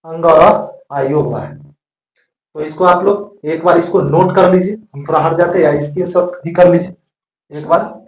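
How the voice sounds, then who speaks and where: A male teacher with a Bihari Hindi accent and a fairly high voice, drilling a grammar lesson for exam students. He repeats each rule several times and stretches out vowels to show them. The room gives his voice a noticeable echo. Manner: repeats each point slowly, drawing out vowels as examples. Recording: roomy echo.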